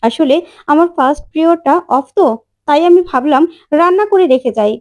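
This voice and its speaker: Woman doing a cheeky young daughter-in-law, snappy comebacks, high voice. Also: a little fast, darkish tone, highs cut off, lightly acted. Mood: retorting. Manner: retorting, teasing. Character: sharp-tongued young woman professor, bold daughter-in-law.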